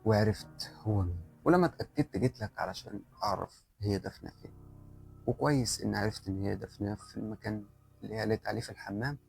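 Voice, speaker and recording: A calm, grave old sheikh with an Egyptian accent, as the storyteller puts him on, talking softly and steadily in a lowish voice. Faint music plays under him. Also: male voice, fast talker, vocal fry, slightly rough. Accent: Egyptian Arabic.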